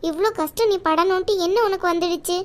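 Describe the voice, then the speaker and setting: A woman's voice: very high voice, brisk. A woman voicing a middle-aged aunt in a cartoon, firm and bossy but affectionate. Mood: firm caring. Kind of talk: cartoon voice acting.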